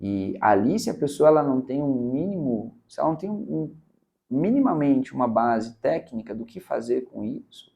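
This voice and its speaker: A man's voice: mid-range voice, very animated, moderate pace, gravelly, dark tone. A Brazilian man mentoring on public speaking, talking emphatically in a casual interview and often tagging his points with "cara" and "né". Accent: Brazilian Portuguese.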